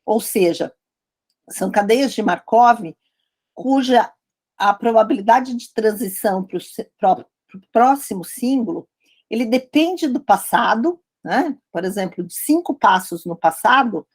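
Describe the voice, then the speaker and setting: A woman's voice: a little high, a little mellow. A woman lecturing on statistics, explaining step by step and often checking in with her listeners. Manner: explanatory, repeats points with frequent "né?" checks. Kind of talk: academic lecture.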